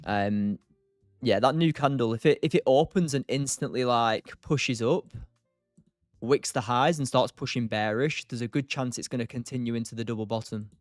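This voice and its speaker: A man's voice: mid-range voice, normal speed, no room sound, studio quality, faint music behind. A tired man hosting a live stream, thinking aloud and answering chat in a loose, casual way. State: tired, short on sleep. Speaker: streamer, day trader.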